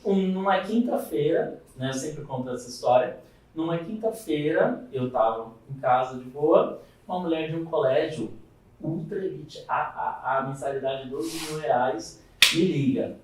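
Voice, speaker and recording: A man with a Brazilian Portuguese accent, a teacher giving a lecture through lively stories and acting out the people in them. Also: a little high, a little slow. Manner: animated, acts out dialogue in voices. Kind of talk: storytelling lecture. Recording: echoey room, far from the mic.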